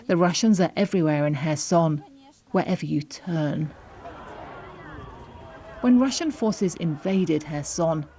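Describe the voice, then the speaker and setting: Mellow, low-voiced woman reporting. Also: unhurried, pauses often. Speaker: news reporter. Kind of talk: scripted news report narration.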